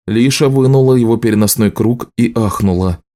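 A man reading an audiobook as narrator, in a measured, even way. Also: medium pitch.

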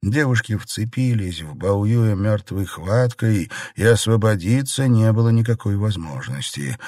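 A man narrating a classic novel as an audiobook in an even storytelling manner. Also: on the low side, measured pace, no room sound, clean studio sound.

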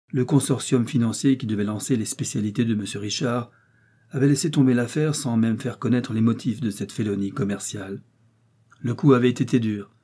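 Husky-voiced male audiobook narrator. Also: medium pitch, warm tone. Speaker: audiobook reader. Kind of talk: scripted narration.

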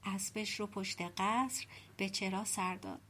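A woman reading a folk-tale audiobook in an even storytelling voice. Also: mid-range voice. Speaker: audiobook narrator.

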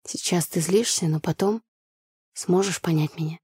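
A woman voicing a calm young man, an older brother, speaking quietly and steadily in an audiobook. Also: on the low side, normal speed, slightly rough, no echo, clean studio sound. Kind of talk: audiobook character reading.

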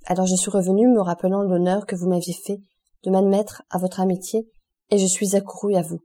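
A solemn, earnest young man who is a devoted friend, speaking in measured, low tones in a classic audiobook, as a woman reader puts him on. The voice is very dark and mellow. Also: level tone. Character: grave loyal young male friend, journalist.

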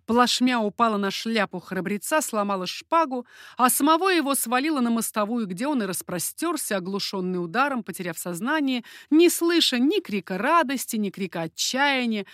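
A woman narrating a historical novel as an audiobook, steady and expressive. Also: fairly high pitch, dry recording, clean studio sound.

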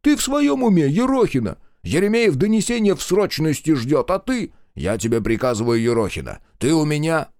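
Man playing gruff partisan commander, scolding, raised voice, audiobook, dry recording. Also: fairly low pitch, wildly swooping pitch, moderate pace, darkish tone, dry recording. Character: gruff middle-aged male partisan commander, exasperated.

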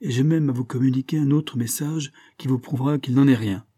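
A man's voice: medium pitch, steady tone, mellow, breathy edge, dry recording, lightly acted. A man reading aloud, voicing a dry, cutting old English lawyer who speaks curtly, coldly and with measure. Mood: cool. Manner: curt, cold and measured.

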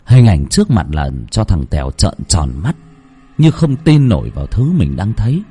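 A man with a low, husky voice tells a ghost story with lots of suspense. His pitch swings widely for drama, and soft music plays underneath. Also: moderate pace. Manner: expressive, suspenseful. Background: soft background music.

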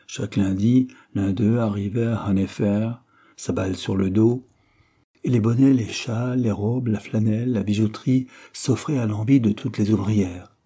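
Low, husky-voiced male narrator. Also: steady tone, moderate pace, dark tone. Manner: wry asides to the reader. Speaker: audiobook narrator. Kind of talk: scripted narration.

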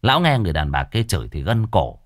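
A man narrating a ghost story in an expressive, folksy storytelling manner. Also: low-pitched, quick pace, no room sound, studio quality.

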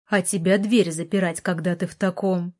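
A woman's voice: on the low side, fairly even intonation, moderate pace, darkish tone, natural voice. A woman voicing a sarcastic, teasing young man, a doctor in a wheelchair, in a romance audiobook. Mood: mocking. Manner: teasing, smug.

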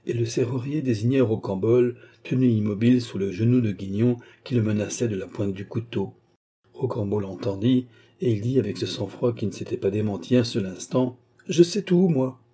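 Low husky male audiobook narrator. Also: steady tone, brisk, mellow. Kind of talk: reading a classic novel aloud.

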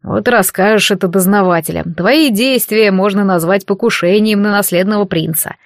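A woman reading an audiobook voices a burly male guard who mocks and bullies his captive in a gruff, rough way, recorded close and dry. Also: mid-range voice, normal speed, dry recording, natural voice. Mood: mocking. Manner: gruff, jeering. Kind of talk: audiobook character voice.

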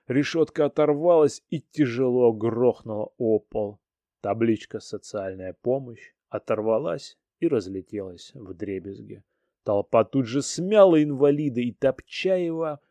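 A man reads a story aloud with dramatic expression, his voice mellow and dark. The sound is close and dry, with no room around it. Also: mid-range voice, no room sound. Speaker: narrator. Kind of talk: audiobook narration.

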